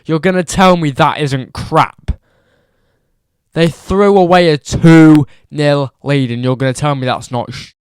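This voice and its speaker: Young guy venting about football, slow and fed up, clean dry mic. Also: a little high, smooth, no room sound. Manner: exasperated, repeats points for emphasis. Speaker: football vlogger. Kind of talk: ranting football commentary.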